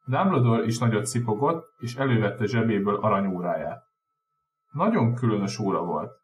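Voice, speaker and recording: A native Hungarian-speaking man narrating an audiobook with steady storytelling. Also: fairly low pitch, lo-fi sound. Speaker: audiobook reader. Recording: roomy echo, faint hum.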